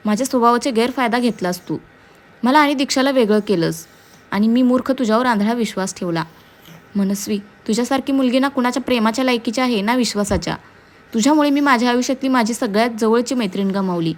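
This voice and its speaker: A woman's voice: a little high, brisk, lightly acted. A woman voicing a betrayed young man who pleads in a shaken voice and then rages. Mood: furious.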